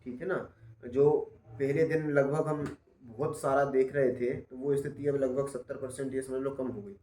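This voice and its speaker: A man's voice: mid-range voice, steady tone, normal speed, warm tone. A man teaching a class who gives patient, step-by-step feedback and often checks that he has been understood. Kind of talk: spoken feedback in a class session. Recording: roomy echo.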